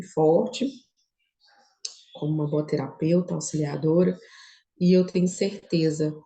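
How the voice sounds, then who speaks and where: Echoey low-voiced woman giving testimony. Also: vocal fry. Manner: emotional, shifts from quiet and low to high and animated. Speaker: children's book author.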